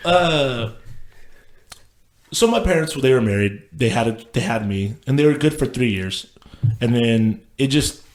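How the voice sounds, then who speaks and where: This podcast guest, a man from Texas in his late twenties, has a mid-range, expressive voice, a measured pace and long pauses. Telling his life story, he wanders loosely, swears casually and leans on "like" and restarts.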